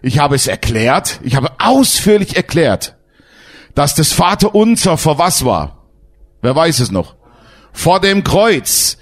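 A man preaching a sermon as pastor, emphatic and lively, asking his congregation questions. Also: fairly high pitch, slow.

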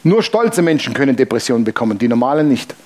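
A man's voice: medium pitch, very animated, fast talker, a little mellow. A male pastor preaching a sermon in a fervent, joking way, speaking straight to his listeners.

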